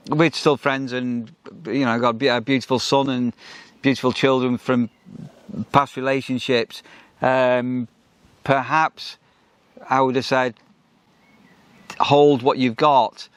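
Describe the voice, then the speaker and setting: A man's voice: mid-range voice, no echo. A middle-aged man co-hosting a vlog in casual chat, rambling and restarting with lots of ums. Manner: rambling, repeats himself, many ums and restarts. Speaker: vlog co-host.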